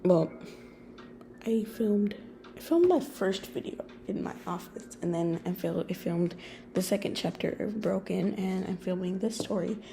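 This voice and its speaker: A young woman reading a fan story aloud, soft-spoken and prone to rambling when she speaks off script. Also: mid-range voice, unhurried, vocal fry, a little hiss or hum. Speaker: story reader. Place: friend's office.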